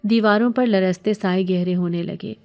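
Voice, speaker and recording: A woman tells a horror story in the first person, tense throughout and pleading when her character speaks. Her voice is dark and mellow, at a middling pitch. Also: steady tone, soft background music. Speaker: narrator. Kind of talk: scripted horror narration.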